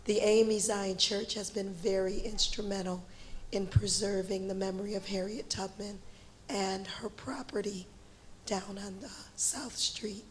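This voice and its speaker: A hoarse woman pastor giving a brief, gracious acceptance speech. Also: mid-range voice, flat delivery, measured pace, a little hiss or hum, rough recording.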